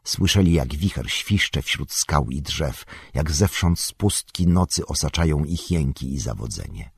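A man narrating an audiobook in a steady, even reading voice. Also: very deep voice, a little slow, slightly rough, dry recording, studio quality. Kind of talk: scripted narration.

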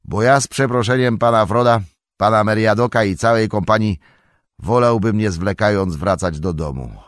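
A man voicing a gruff, talkative middle-aged hobbit farmer who speaks loudly and bluntly in a raised voice. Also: fairly low pitch, moderate pace, no room sound, studio quality, voice pushed up, lightly acted. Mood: homely. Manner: loud, blunt, homely and talkative.

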